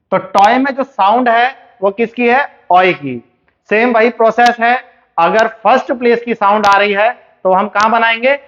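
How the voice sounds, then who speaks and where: A man's voice: sits high, a bit bright. A man teaching shorthand in a classroom lesson, explaining step by step and asking and answering his own questions. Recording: dull, muffled lo-fi recording.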